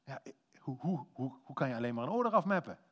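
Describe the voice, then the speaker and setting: A man giving a lively, informal sermon, telling a story with acted-out quotes and quick self-corrections. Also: medium pitch, dull audio. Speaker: preacher.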